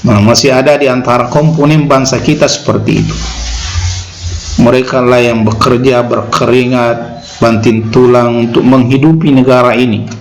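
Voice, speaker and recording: A man giving an Islamic teaching talk in an unhurried way. He tags his points with a short "ya" and recites Arabic verses slowly. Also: medium pitch, fairly even intonation, soft background music, low-quality recording. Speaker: religious lecturer.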